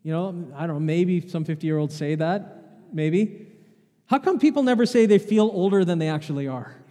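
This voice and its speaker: A pastor's sermon fills a church sanctuary, the long hall reverb of the church audible on the recording. His voice is mellow and fairly high, moving at normal speed as he chats with the congregation and raises rhetorical questions.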